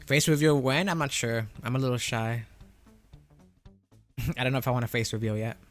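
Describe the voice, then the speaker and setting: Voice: mid-range voice, moderate pace, soft background music. A streamer talking through a voice changer filter that makes the voice sound male, patiently explaining game tactics in casual chat and checking in with "right?". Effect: voice changer filter, output sounding male.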